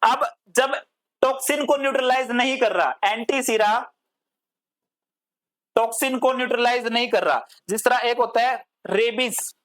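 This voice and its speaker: A woman's voice: a little high, unhurried. A woman teaching a pharmacy lecture, mixing Hindi and English, asking the class questions and answering them herself, stretching out technical terms. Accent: Hindi-English code-switching. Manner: drawls long technical terms word by word.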